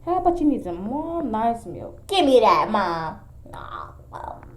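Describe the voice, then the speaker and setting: A woman's voice: sing-song, normal speed. Playful woman doing toy voices, echoey room. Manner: playful, switching between squeaky character voices. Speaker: toy play video maker. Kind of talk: playful toy role-play.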